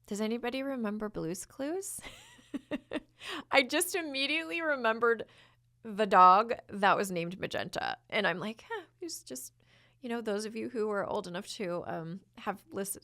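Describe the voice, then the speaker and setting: Chatty woman host chanting invented syllables. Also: lowish voice. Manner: chatty, rambling, frequent restarts. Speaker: podcast host, spiritual channeler. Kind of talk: casual spiritual guidance with channeled chanting.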